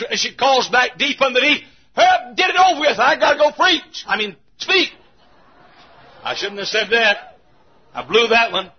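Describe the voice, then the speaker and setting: An American man delivers a fervent revival sermon in a raspy, strained voice, impassioned and frequently shouting with a repetitive cadence. He swings dramatically from low to loud. The recording is a dull, muffled lo-fi capture of the sermon.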